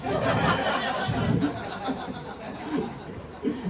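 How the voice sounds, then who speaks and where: A young man doing a stand-up comedy set, self-deprecating and deadpan, raising his voice when he acts out quotes. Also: extremely high pitch, drawn-out words, a loud crowd. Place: comedy club stage. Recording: echoey club, mic heard from far, audience noise.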